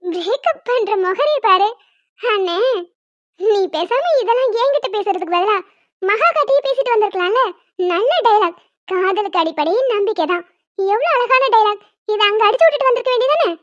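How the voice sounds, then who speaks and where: A woman voicing a cheeky younger sister who teases in a drawn-out, mocking way in a cartoon. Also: extremely high pitch, expressive, dry recording. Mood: teasing. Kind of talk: cartoon voice acting. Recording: dull lo-fi dry recording.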